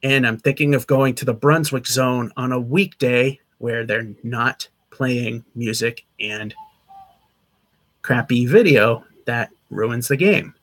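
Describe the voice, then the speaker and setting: In his thirties, a channel host rambles through a casual vlog update from a small attic with a sloped, wood-paneled ceiling, captured by a webcam at desk distance. His mid-range, fairly bright voice moves slowly, chatty and full of fillers and restarts.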